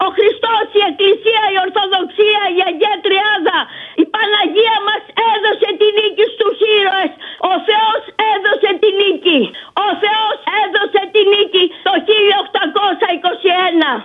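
Phone caller, woman, very high voice, breathless and insistent, tinny line. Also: steady tone. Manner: insistent, repeats the same phrases. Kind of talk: phone-in call. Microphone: telephone.

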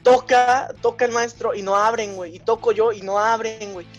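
A man's voice: high voice, steady tone, moderate pace, dull audio, faint music behind. A young man with a Mexican accent telling a crude story in casual podcast chat, slangy and acting out the voices of people in it. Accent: Mexican Spanish. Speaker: podcast co-host.

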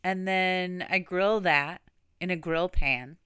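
A woman co-hosts a podcast with a playful, teasing manner. Her voice is fairly low for a woman, bright and very smooth, recorded close and dry. She laughs easily through the chat. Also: slow, dry recording. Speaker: podcast co-host. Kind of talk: casual chat.

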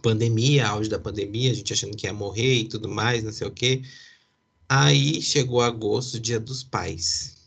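A man's voice: fairly low pitch, fairly even intonation, moderate pace, gravelly, a bit bright, husky. A young man, casually telling a personal story with lots of fillers and asides. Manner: chatty, many fillers and asides, occasional laughs.

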